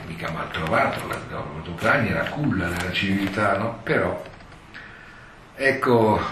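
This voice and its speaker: A male lecturer reading a passage aloud and explaining it, with many digressive asides. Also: on the low side. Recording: roomy hall, distant mic, faint noise.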